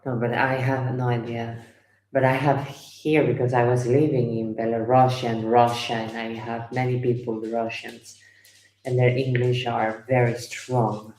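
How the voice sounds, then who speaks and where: A woman's voice: very deep voice, flat delivery, unhurried, darkish tone, roomy sound, poor audio. A woman from Ecuador, a tarot reader chatting casually on a livestream and telling stories. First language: Spanish. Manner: anecdotal, acts out dialogue, chatty asides. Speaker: tarot reader and live streamer.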